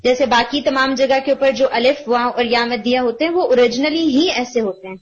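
A woman teaching a Quran recitation class, patiently explaining rules and quizzing her students, often slipping English words into her talk. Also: on the high side. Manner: explains patiently, asks students questions and praises answers; mixes English words into Urdu. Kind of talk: online tajweed class. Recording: dull lo-fi audio.

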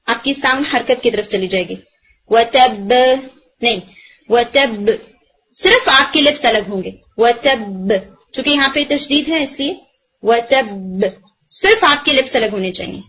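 A woman's voice: high voice, lively intonation, sharp tone, poor audio. A woman teaching a tajweed lesson in Urdu sprinkled with English terms, patiently explaining and repeating recited words to demonstrate.

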